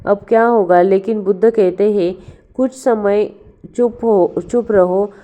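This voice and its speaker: Slow, mellow-voiced woman giving calm advice. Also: medium pitch. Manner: calm, unhurried advice with frequent restarts. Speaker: motivational speaker. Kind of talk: spiritual self-help talk.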